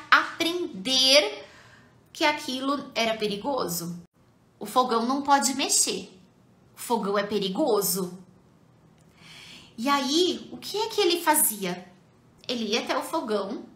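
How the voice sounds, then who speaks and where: A Brazilian Portuguese-speaking woman, a mother and parenting educator, giving an animated live talk and speaking directly to her viewers. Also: sits high. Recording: echoey room.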